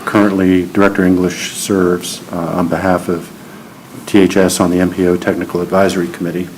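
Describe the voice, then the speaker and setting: Deep, flat-voiced man advising a board, hesitant and measured, over a noisy recording.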